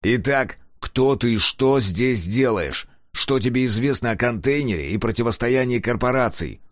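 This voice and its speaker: A man's voice: medium pitch, animated, normal speed, no echo, clean studio sound, pitched above the performer's own voice, natural voice. A man voicing a brutal, short-tempered male mercenary, cold and menacing in an audiobook.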